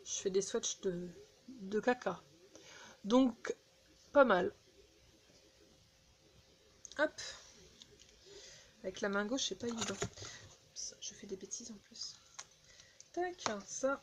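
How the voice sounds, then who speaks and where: Woman, slightly high voice, unhurried and halting, casual haul chat, phone mic with faint noise. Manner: chatty, halting, frequent restarts and fillers. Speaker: beauty vlogger.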